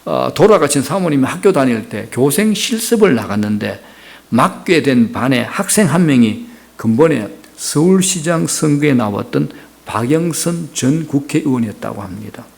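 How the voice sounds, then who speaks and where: A middle-aged pastor from the region, preaching earnestly and speaking straight to the congregation. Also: male voice, medium pitch, animated, normal speed, creaky. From Gyeongsang region, Korea. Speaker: senior pastor. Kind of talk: sermon.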